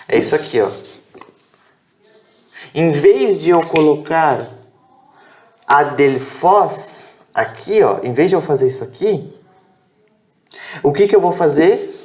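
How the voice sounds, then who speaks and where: A Brazilian man teaching a beginner lesson at a whiteboard, slow and patient, spelling out sounds and syllables and checking in with his students often. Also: on the high side, darkish tone. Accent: Brazilian Portuguese. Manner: spells out sounds and syllables, corrects himself aloud. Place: improvised room with background noise.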